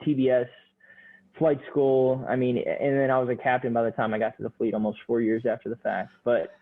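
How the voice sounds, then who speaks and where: A man's voice: mid-range voice, level tone, a little fast. A man in his thirties, a Marine pilot guest, talking in a laid-back way with lots of fillers in a casual podcast interview. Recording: tinny phone-like line.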